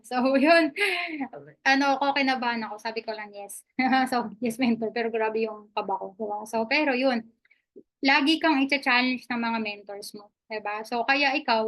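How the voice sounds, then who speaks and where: Chatty upbeat woman, slightly high voice. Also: a bit bright. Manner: chatty, mixes English and Tagalog, often asks "di ba?"; upbeat and encouraging, laughs often. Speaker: affiliate marketing presenter. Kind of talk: live online presentation.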